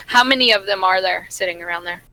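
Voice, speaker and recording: Bright-voiced woman playing a tabletop game. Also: mid-range voice, dry recording. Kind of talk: casual in-game chat.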